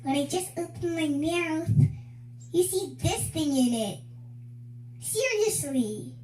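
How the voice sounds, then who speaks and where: A young girl voicing a sassy, whiny girl puppet in a squeaky ventriloquist dummy voice, complaining dramatically. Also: lively intonation, takes it slowly, a little mellow, a little hiss or hum. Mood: exasperated. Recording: echoey room.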